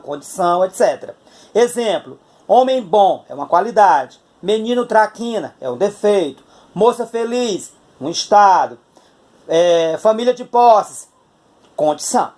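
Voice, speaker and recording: A male teacher with a Brazilian Portuguese accent giving a grammar video lesson, explaining patiently and checking in with his students as he goes. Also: high-pitched. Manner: explanatory, checks in with "tá?" and "né?", spells out letters slowly.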